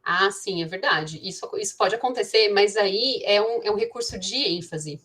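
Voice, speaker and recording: A woman's voice: mid-range voice, moderate pace, fairly bright tone. A woman teaching English grammar in an online class, thinking aloud with frequent restarts and "né".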